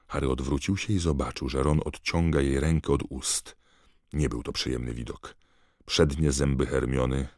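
A man reading a novel aloud as an audiobook narrator in a measured storytelling manner. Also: very deep voice, no room sound, clean studio sound. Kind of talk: scripted narration.

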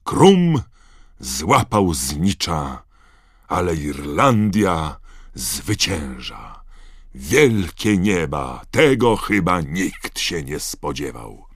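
A deep-voiced man voicing a stunned adult male sports commentator exclaiming the result. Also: very animated, husky, no echo, clean studio sound, heavily acted. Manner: exclaiming, slow.

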